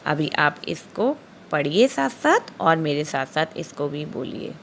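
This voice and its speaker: A woman's voice: low-pitched, big pitch swings, measured pace, creaky, slight background noise. A woman teaching a recorded Hindi lesson to small children, stretching out each syllable and repeating every word twice for them to copy. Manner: addresses the children often, asks them questions. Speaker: primary school teacher.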